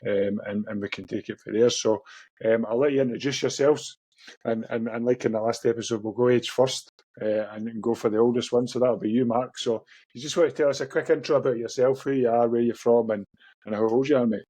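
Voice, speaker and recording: A man's voice: medium pitch, fairly even intonation, brisk, dark tone, breathy edge, no echo. A man with a Scottish accent hosting a podcast in an informal, matey, chatty way. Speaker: podcast host. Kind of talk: casual chat, interviewing.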